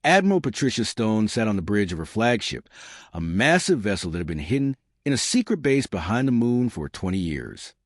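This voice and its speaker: A man narrating a sci-fi story in a steady, dramatic storytelling manner. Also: on the low side, fairly quick, dry recording, studio quality.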